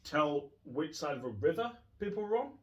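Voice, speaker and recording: A man's voice: on the high side, big pitch swings, moderate pace, a bit bright. Man chatting, mic far off. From Teesside, North East England. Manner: chatty, explaining. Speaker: co-host. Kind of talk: casual chat. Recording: distant from the mic.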